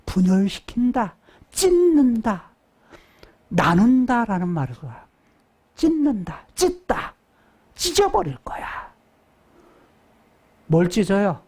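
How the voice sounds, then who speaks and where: Woman pastor, husky voice, lively swooping pitch, asks and answers her own questions, whispers for emphasis. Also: takes it slowly. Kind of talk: sermon.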